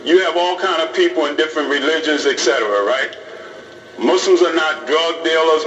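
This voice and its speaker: Middle-aged imam, fairly high voice, plain-spoken, heard in an echoey hall, mic at a distance. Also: male voice, a bit bright. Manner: plain-spoken, repeats phrases for emphasis. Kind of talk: informal talk to police recruits.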